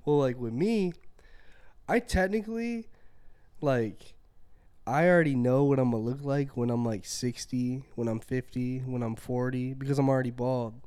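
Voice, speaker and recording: A man's voice: medium pitch, moderate pace, dark tone, clean tone. A young man co-hosting a podcast, chatting loosely and swearing freely as he tells stories. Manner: loose, profane storytelling. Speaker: podcast co-host. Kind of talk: casual chat.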